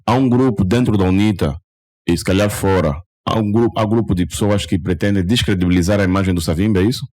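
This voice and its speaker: A man's voice: lowish voice, fast talker, a little mellow. A man with an Angolan Portuguese accent hosting a radio interview in a studio, asking probing questions and backing the guest with short murmurs. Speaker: radio host.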